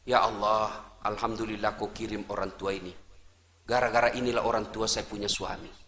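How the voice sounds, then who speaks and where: A preacher acting out a humble wife whispering a grateful prayer. The voice sits far below his usual pitch and stays hushed, with the hall reverb hanging around it. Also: little pitch movement, brisk, lightly acted. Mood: prayerful. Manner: soft, prayerful. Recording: echoey hall.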